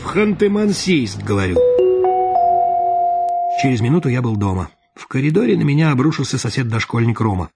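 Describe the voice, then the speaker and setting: Man, audiobook narrator, dry ironic storytelling, lively pitch, clear music behind. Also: fairly quick, pauses often. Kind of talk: audiobook reading.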